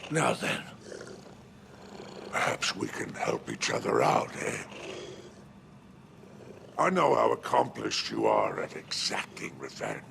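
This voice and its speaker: A menacing alien crime baron from a video game, with a heavily gravelled growl. He drawls slowly and theatrically, sly and sneering, swinging widely in pitch over prominent music. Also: huge pitch swings, noisy background, full character voice. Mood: sly, bargaining. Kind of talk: video game cutscene acting.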